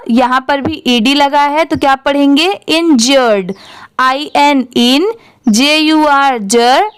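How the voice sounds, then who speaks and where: Slow, patient woman teacher. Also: high voice, no echo, clean studio sound. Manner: slow and patient, often asking what a word is read as and then answering. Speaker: English reading teacher. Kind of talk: spelling out words letter by letter for learners.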